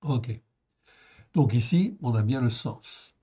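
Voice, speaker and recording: A Bible teacher leads a study, going through the text word by word slowly and explanatorily, often saying "en fait" and checking in with "ok?". His medium-pitched voice has lively intonation, a dark tone and a breathy edge. The sound is lo-fi.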